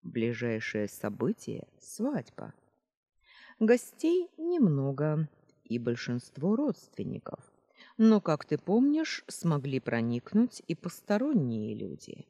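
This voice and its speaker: A woman reading the part of a calm male dragon who explains things in a measured way. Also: deep voice, breathy edge, heavily acted. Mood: explaining. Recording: roomy reverb.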